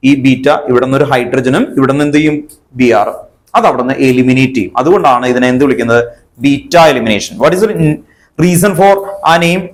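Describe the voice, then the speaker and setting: A man teaching a chemistry lesson. He asks his students questions and then answers them himself, and he spells terms out slowly. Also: fairly high pitch. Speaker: chemistry tutor. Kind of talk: online exam-prep lesson.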